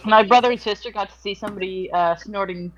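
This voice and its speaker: A woman's voice: mid-range voice, poor audio. A woman chatting casually and laughing often with fellow players before a tabletop game. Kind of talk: casual chat.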